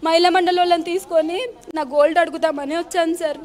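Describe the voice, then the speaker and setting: A woman's voice: very high voice, fairly even intonation, fast talker, a little mellow. A young woman giving emotional interview testimony to a reporter, pleading and addressing him respectfully. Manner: pleading, repeatedly addresses the listener as sir.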